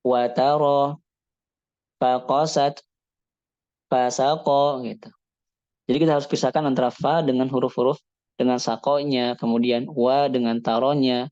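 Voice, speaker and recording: A man's voice: mid-range voice, dry recording. Man teaching Quran recitation. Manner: slow drawn-out Arabic recitation examples mixed with quick casual explanation; trailing off quietly at the ends of points. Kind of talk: explanatory lesson on recitation errors. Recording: dull, dry lo-fi sound.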